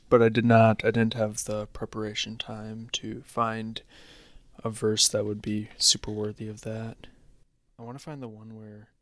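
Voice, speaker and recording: A man's voice: fairly low pitch, monotone, unhurried, a bit bright, no echo. A man in casual podcast chat, talking in a wry, rambling way and laughing often. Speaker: podcast co-host.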